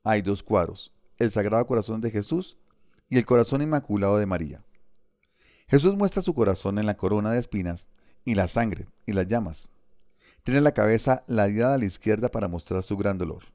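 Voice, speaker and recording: A man's voice: fairly low pitch, lively intonation, warm tone, no echo. Man narrating an audiobook, dry sound. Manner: measured, vivid storytelling.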